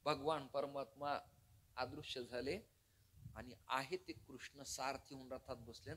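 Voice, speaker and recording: A man preaching a devotional kirtan sermon. He tells the story dramatically and acts out its characters, dropping to a hush and then rising loud, and jokes with the audience. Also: medium pitch, steady tone, a little slow, slightly rough.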